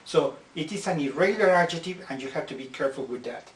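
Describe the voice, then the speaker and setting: English teacher, roomy distant sound. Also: male voice, a little high, lively intonation. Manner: slow, careful explanations, stretching out example words. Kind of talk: slide-based grammar lesson.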